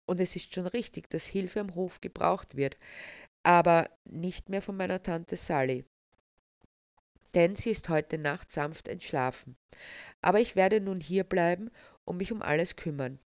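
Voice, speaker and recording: A woman voicing a calm young man who speaks coolly and curtly, in a dull, dry recording. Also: fairly low pitch, a little slow, no echo. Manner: cool and curt.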